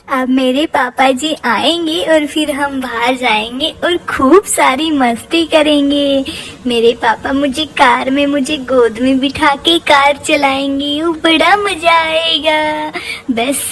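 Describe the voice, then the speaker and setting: Mom voicing a cheeky baby boy for a vlog: very high, slow, cutesy baby talk. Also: fairly even intonation, fairly bright tone. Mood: playful. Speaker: parent vlogger voicing her baby.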